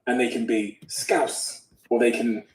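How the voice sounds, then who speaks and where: A man's voice: mid-range voice, fairly even intonation, a little slow. A man hosting an interview, musing aloud and asking thoughtful questions in casual conversation. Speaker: interviewer, podcast host. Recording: roomy echo.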